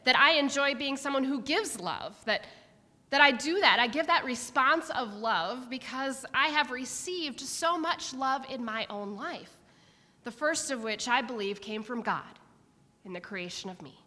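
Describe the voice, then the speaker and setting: A middle-aged woman preaching a sermon in church, reflective and warm, sometimes emotional. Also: sits high, expressive, unhurried. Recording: long reverb of a church hall.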